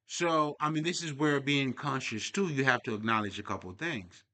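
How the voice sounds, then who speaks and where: Profane, rambling man with a bright voice. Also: medium pitch, moderate pace. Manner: profane, streetwise, digressive. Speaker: spiritual vlogger. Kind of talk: casual rambling monologue.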